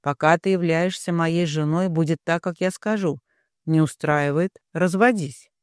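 A reader voicing a domineering young husband in a storybook reading, speaking gruffly and commandingly. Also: medium pitch, a little slow, no room sound, clean studio sound, natural voice.

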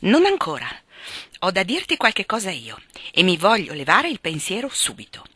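A woman's voice: medium pitch, big pitch swings, brisk, bright, forceful tone, no room sound. A woman voicing an imperious, scolding rich old aunt in a storybook reading. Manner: imperious, bossy, bangs her cane.

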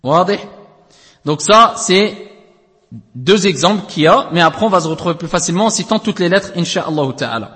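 High-voiced man teaching recitation rules. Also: lively intonation, normal speed, bright, forceful tone, long reverb tail. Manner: explanatory, checks understanding with frequent tag questions, chants letters at length. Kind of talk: classroom lesson on Quranic recitation rules.

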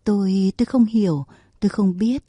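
A woman's voice: medium pitch, animated, moderate pace, dark tone, husky, dry recording. A woman voicing a frightened male court official who stammers in a flustered way, in a storybook reading.

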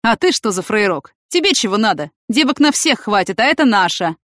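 A woman's voice: mid-range voice, big pitch swings, brisk, fairly bright tone, no room sound, clean studio sound. A woman voicing a crude, menacing male street thug who jeers and threatens. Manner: rough, jeering threats.

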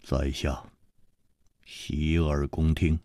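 A man voicing a calm, clever hero who speaks low and measured. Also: dry recording, clean studio sound, heavily acted. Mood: cool. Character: calm clever male hero, cool and composed.

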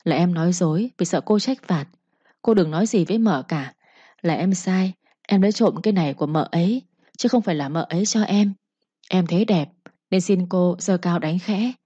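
A woman's voice: fairly low pitch, normal speed, warm tone, husky, no room sound, highs cut off. A woman voicing a young servant girl who answers her mistress humbly and pleads with her. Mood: pleading.

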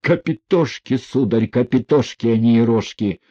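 A man voicing a hot-tempered old retired general who shouts in broken, sputtering phrases. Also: mid-range voice, moderate pace, muffled recording, natural voice. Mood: indignant. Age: older.

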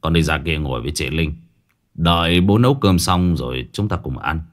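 A man voicing a cruel, moody male doctor who raises two adopted children, speaking low in a falsely soothing hush. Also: lively intonation, moderate pace. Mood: coaxing.

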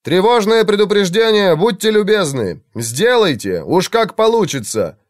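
A man's voice: high-pitched, sing-song, normal speed, no echo, studio quality, voice pushed up. A man doing a sarcastic court mage. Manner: mocking, polite-sarcastic.

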